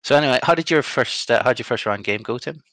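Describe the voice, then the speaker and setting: A man's voice: mid-range voice, fast talker, a bit bright, dry recording. A man hosting a casual podcast chat, rambling and self-deprecating with lots of ums. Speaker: podcast host.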